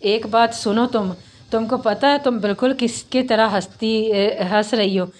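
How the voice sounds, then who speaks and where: A sarcastic young man who is quick to irritation, as a woman reader puts him on. He talks in a sneering, mocking way, as in a storybook novel. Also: on the high side, natural voice.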